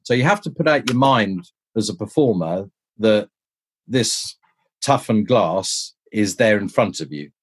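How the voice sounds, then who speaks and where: A man, a stuntman, telling anecdotes in a casual, animated way and jumping his pitch to act out the people he quotes. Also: measured pace, slightly rough.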